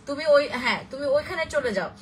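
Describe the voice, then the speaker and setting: A woman's voice: high voice, lively intonation, a little fast, a little hiss or hum, low-quality recording. A young woman with a Bangladeshi Bengali accent, chatting casually on a live stream for a skin-care brand and answering viewer comments. She rambles, with many fillers and restarts.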